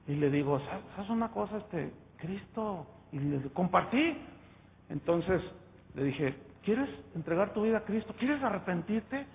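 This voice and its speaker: A man's voice: high voice, animated, measured pace, vocal fry, slight background noise. A man preaching as pastor, telling a story and calling his listeners "brother" over and over. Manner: storytelling, addresses listeners as "hermano". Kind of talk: sermon testimony. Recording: muffled, echoey hall.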